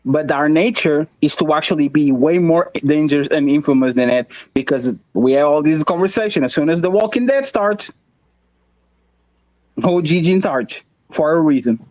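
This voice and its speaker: A man's voice: on the high side, moderate pace, darkish tone, dry recording, poor audio. A man hosting his own stream, talking casually and hammering points home by repeating them. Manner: emphatic, repeats himself. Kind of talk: casual online debate chat.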